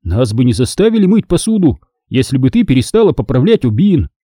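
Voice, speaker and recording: A man voicing a calm, cautious teenage Jedi apprentice in an audiobook, speaking in a measured, gently reasoning way. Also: medium pitch, no echo, clean studio sound.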